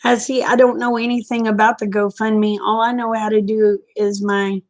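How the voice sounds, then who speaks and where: A woman's voice: fairly high pitch, little pitch movement. An American woman chatting casually and a little unfocused from lack of sleep, in a folksy, homey way with endearments, as if to livestream viewers. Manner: sleep-deprived, unfocused, slow to follow. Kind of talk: casual rambling chat.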